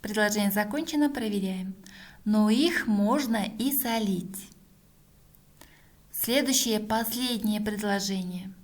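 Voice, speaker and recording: A woman dictates as a schoolteacher would, at an extremely slow pace. Her voice sits at an average pitch for a woman. She sets out words one at a time, enunciating each deliberately for pupils to write down. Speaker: teacher.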